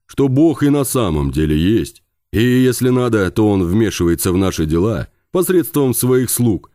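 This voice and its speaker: A man reading a novel aloud, voicing a calm, grave priest who speaks in a measured, solemn way. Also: low voice, no room sound, clean studio sound.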